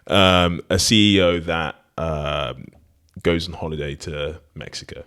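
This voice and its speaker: Deep-voiced rambling podcast host. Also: male voice, steady tone, unhurried, a bit bright, clean tone. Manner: rambling, self-correcting, laughs often. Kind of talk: casual conversation.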